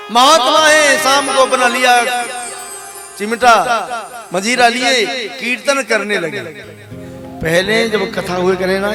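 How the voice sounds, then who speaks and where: A man giving a devotional sermon, animatedly telling a story and acting out its characters. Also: very high-pitched. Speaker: religious storyteller.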